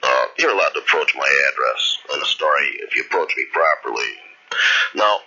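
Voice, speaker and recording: A man's voice: extremely low pitch, animated, a little fast, bright, forceful tone. An older man leaving a long, rambling, disjointed answering machine message, repeating himself. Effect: answering machine message recording. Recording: muffled lo-fi answering machine tape.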